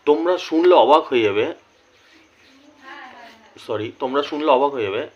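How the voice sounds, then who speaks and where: A man who is unwell with a headache, talking slowly and carefully straight to camera as a lottery tipster and repeating his numbers. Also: mid-range voice, lively intonation, lo-fi sound. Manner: slow, careful speech, repeating figures. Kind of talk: direct-to-camera talk.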